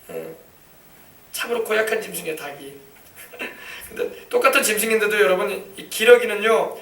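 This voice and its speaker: High-voiced, fast-preaching pastor. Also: male voice, a bit bright. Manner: emphatic, repetitive preaching with congregation responses. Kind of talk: sermon. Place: church sanctuary. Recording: echoey church, mic far off.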